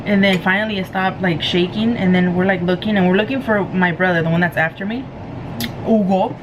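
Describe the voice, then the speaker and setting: Low-voiced woman chatting over background noise. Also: a little fast, lo-fi sound. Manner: giggly, animated retelling with acted-out quotes. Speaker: vlogger telling a family story to viewers. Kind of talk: casual storytelling chat to camera.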